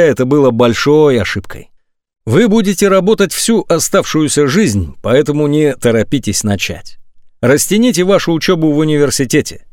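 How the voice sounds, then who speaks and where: Lively, expressive male audiobook narrator. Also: no echo, clean studio sound. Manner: lively, emphatic reading with wide swings of pitch. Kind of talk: scripted nonfiction narration.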